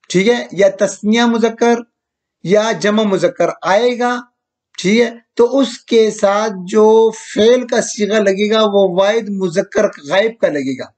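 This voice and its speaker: A man with a high voice, well above the usual male range, teaching a grammar lesson at an even, patient pace. He keeps putting questions to his listeners and answering them himself. He reads each example out slowly and often stops to check that they follow. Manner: draws out Arabic examples slowly and deliberately; often checks in with "theek hai". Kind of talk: recorded grammar lecture.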